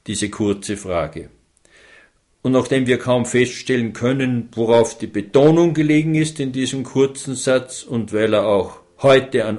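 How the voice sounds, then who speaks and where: A man preaching a sermon, slow and emphatic, stressing single words and repeating phrases. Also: mid-range voice, darkish tone.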